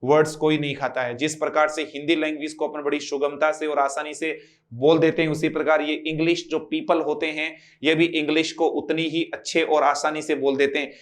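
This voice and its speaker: Male coaching-class teacher, Hindi accent, fairly high voice, steady and level delivery, step-by-step explanation, questions to the class. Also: brisk. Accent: Hindi-influenced English. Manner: explains step by step, asks the class questions and stretches out key words. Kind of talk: classroom lecture.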